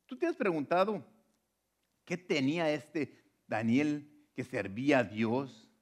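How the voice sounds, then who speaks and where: A man's voice: medium pitch, very animated. A man preaching a sermon, retelling scripture dramatically and asking the listener direct questions. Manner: dramatic pulpit delivery, slowing to stress quoted scripture.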